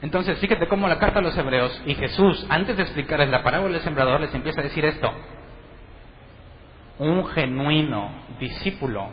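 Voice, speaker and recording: This pastor talks fast with few pauses, his voice leaning high as he gives a conversational sermon. He asks the congregation questions and acts out what others have said. It's recorded in a large hall, lo-fi, with a little background noise.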